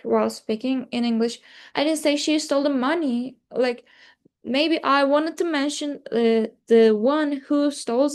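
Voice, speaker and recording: A woman's voice: sits high, a little mellow. A young woman giving a class presentation on pronunciation, hesitant and full of fillers like "like" and "uh". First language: Turkish. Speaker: student presenter.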